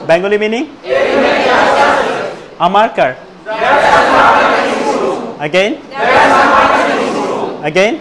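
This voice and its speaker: A man teaching a spoken English class, prompting students again and again and slowing right down to model each sentence. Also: sits high. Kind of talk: classroom lesson with call-and-response drills. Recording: loud room noise and class chatter. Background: students answering in chorus.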